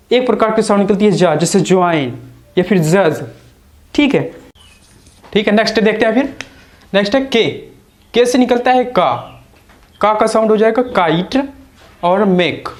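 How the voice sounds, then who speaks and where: A man with an Indian accent teaching English letter sounds, repeating each sound and example slowly. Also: high-pitched. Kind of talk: spoken English phonics lesson.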